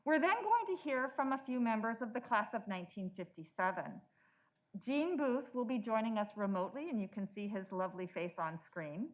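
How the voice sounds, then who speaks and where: A woman's voice: on the high side, lively intonation, moderate pace, low-quality recording. Woman moderator speaking through a face mask. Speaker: moderator introducing panelists. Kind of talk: prepared introductions at a formal event.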